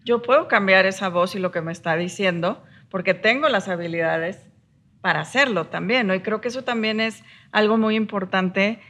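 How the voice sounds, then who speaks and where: A woman talks at a middle pitch in a casual podcast. She explains her ideas reflectively and often checks in with the listener. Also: normal speed, a bit bright. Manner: reflective, explains with rhetorical tags.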